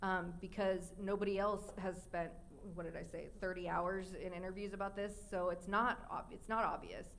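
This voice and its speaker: A woman who hosts a podcast and works as a reporter, explaining things in quick asides at a live audience event. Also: on the low side, fairly even intonation, a bit bright.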